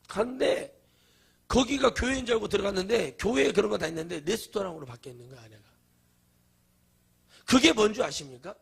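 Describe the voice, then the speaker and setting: Gravelly, high-voiced male pastor preaching. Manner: swings from hushed asides to loud shouted declarations. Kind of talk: sermon.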